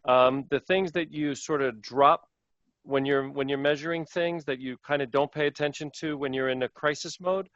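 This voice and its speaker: A man's voice: mid-range voice, steady tone, normal speed, a bit bright, no echo, lo-fi sound. A man who runs a manufacturing business answers webinar questions conversationally, thinking aloud as he talks. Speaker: panelist, manufacturing business owner.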